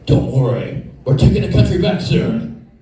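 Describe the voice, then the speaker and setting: Dude quoting a sketchy redneck guy talking all conspiratorial, lively pitch, echoey. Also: normal speed, a little hiss or hum. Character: bearded redneck man, conspiratorial and hushed. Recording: very echoey room, mic far off.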